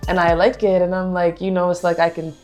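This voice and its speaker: A woman's voice: lowish voice, flat delivery, fairly quick. Young woman chatting with faint music. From Pennsylvania, United States. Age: young adult. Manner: chatty, laughs often, fillers like um and you know. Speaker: guest. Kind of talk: casual interview chat.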